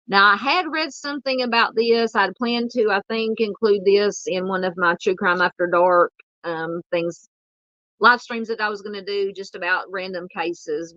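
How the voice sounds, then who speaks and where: A woman from the American South hosting a true crime livestream, talking casually and haltingly with lots of ums and uhs while she reads chat. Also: on the low side, fairly bright tone, dry recording, highs cut off.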